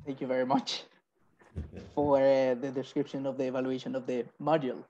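A man's voice: mid-range voice, flat delivery, fairly quick, dark tone, lo-fi sound, slight background noise. A man with a non-native English accent, hosting a webinar with polite, hesitant, filler-heavy speech. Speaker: webinar moderator. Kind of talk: webinar moderation. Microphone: video call.

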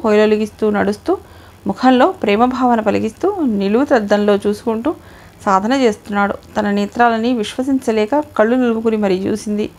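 A woman reading a novel aloud as narrator, in a measured, expressive storytelling manner. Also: mid-range voice. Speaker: audiobook narrator.

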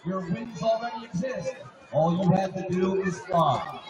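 High-voiced man announcing over the stadium loudspeaker. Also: animated. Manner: measured, ceremonial reading. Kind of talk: formal public-address announcement. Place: outdoor football stadium. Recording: echoey loudspeaker from far off, crowd noise. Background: crowd murmur.

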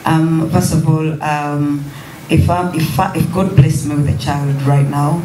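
A woman in her thirties answering questions at a press conference in a measured, gentle way. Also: deep voice, steady tone. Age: 30s. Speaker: guest artist at press conference. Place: large room at a press table. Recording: echoey room, faint noise.

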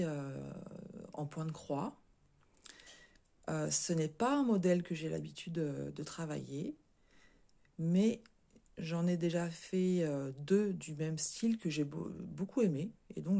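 A woman's voice: lowish voice, vocal fry, mellow. A middle-aged woman hosting a casual crafting vlog, hesitant, with many fillers and restarts. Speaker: crafting channel host.

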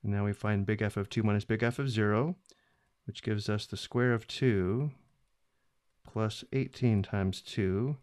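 A man explaining a math problem step by step in a screencast lesson, steady and methodical. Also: on the low side, unhurried, no room sound, studio quality. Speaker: math instructor.

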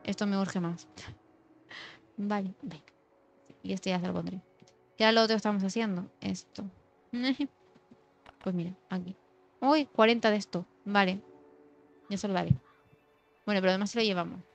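A woman's voice: medium pitch, moderate pace, gravelly, pauses often. A young woman from chatting casually and muttering to herself while playing a game as a streamer. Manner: chatty, muttering, drops to mock ASMR hush. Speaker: gaming streamer. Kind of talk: casual gameplay chat. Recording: slightly dull sound, faint music.

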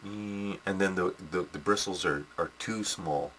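A man's voice: sits low, measured pace, a bit bright. A middle-aged man casually demonstrating a hobby model build in a small workshop, rambling with lots of fillers and "eh" tags. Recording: noisy home camcorder audio.

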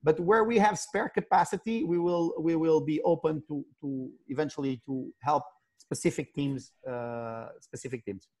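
Appearing on a video call, the middle-aged CEO of a sailing company speaks with a Portuguese accent, hesitating and looping back on repeated "and"s. His pitch is a little high and his tone darkish.

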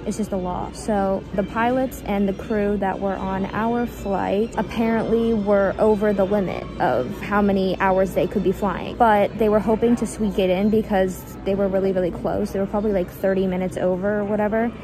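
A woman's voice: medium pitch, steady tone, moderate pace, few pauses, over music, low-quality recording. A young woman chatting casually to her handheld camera as she vlogs, explaining things with lots of "like". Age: young adult. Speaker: vlogger. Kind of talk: casual vlog narration. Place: busy airport terminal. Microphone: handheld camera at arm's length.

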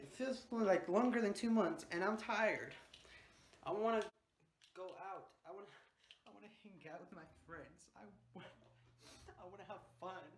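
Holding his phone at arm's length around his bathroom and bedroom, a young vlogger chats casually in a slightly high, somewhat bright voice. Spanish is his first language and he has a Mexican Spanish accent, tossing in Spanish words and casual swearing as he rambles.

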